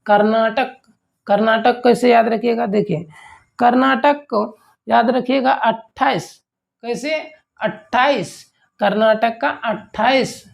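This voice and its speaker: A man's voice: very high-pitched, steady tone, slow pace, gravelly. A young man teaching an online general-knowledge lesson, explaining memory tricks in an informal, chatty way that repeats key words and keeps asking rhetorical questions.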